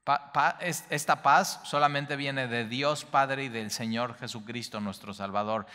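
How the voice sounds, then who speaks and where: Male pastor, emphatic repeating teacher, crisp bright voice echoing in a large hall. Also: mid-range voice, measured pace. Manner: repetitive, emphatic, slight stumbles. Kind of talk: Bible study teaching.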